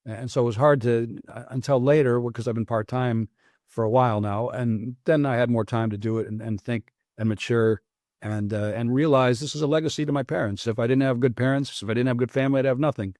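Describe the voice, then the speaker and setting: An older American man, a guest author, answering interview questions in an earnest, reflective and halting way. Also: mid-range voice, fairly even intonation, darkish tone, dry recording, clean studio sound. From United States.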